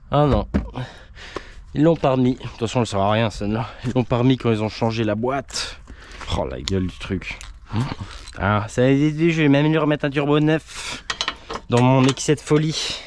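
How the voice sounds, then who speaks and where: A man's voice: medium pitch, normal speed, long pauses. A man casually commenting in slangy, chatty talk to his viewers while he repairs a car in a workshop. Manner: slangy, chatty, talks to viewers mid-task. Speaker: amateur mechanic vlogger. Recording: noisy workshop with tool clicks.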